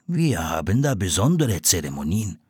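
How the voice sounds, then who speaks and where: Patient storybook seal hunter, slow measured words, low husky voice, as a man voices him. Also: very animated, a little mellow, dry recording, clean studio sound, heavily acted. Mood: calm. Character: calm, kindly older male seal hunter.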